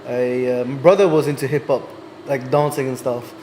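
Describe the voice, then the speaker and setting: A man's voice: mid-range voice, fairly even intonation, normal speed, a little mellow, a little hiss or hum. A man in his twenties, a music artist guest on a podcast, telling his story thoughtfully with frequent hesitations. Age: 20s. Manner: thoughtful, hesitant with many ums. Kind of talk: casual interview chat.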